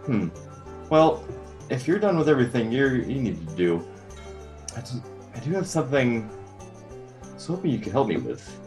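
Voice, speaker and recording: A man's voice: mid-range voice, very animated, normal speed, long pauses, a little mellow, faint music behind, lightly acted. A man playing a sensible, nagging adventurer in a tabletop role-play. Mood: insistent. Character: male adventurer, sensible nagging friend of a drinker.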